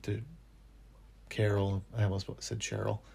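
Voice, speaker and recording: A man's voice: on the low side, completely flat delivery, a little slow, creaky, darkish tone, slight background noise. Laid-back man podcast co-host. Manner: laid-back, agreeable, hesitant. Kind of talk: casual chat recapping a TV episode.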